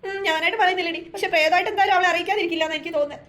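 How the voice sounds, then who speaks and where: Performer as a rapid, high-pitched frightened cartoon woman, emotional, accusing. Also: steady tone, fairly bright tone. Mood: worried. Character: scared, indignant young woman.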